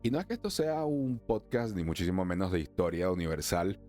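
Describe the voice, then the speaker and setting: A man from Venezuela hosting a solo spiritual podcast, chatty, laughing often, slowing down for emphasis and then speeding up. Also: deep voice, animated, warm tone, soft background music. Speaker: podcast host, emotional wellness therapist.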